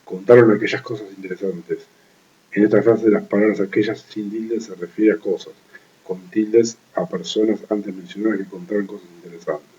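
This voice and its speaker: A man reading a legal writing manual aloud, steady and methodical, restarting words he stumbles on and adding brief offhand remarks. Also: lowish voice, moderate pace, lo-fi sound. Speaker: law study reader.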